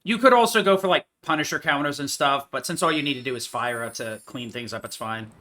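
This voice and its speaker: A man's voice: medium pitch, fairly quick, pushed and bright. A man giving casual, rambling, matter-of-fact commentary on his own speedrun, picking at his own mistakes. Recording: clearly noisy home gaming recording.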